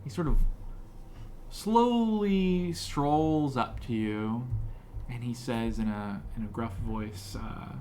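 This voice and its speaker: A man narrating a tabletop game as game master, improvising haltingly as he describes the scene. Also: medium pitch, a little mellow. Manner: halting, searching for words as he describes. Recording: slightly noisy room recording.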